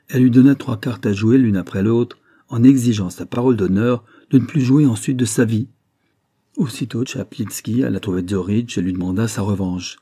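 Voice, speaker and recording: A man narrating a classic novel as an audiobook in a steady, measured storytelling voice. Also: fairly low pitch, slightly rough, no room sound, clean studio sound.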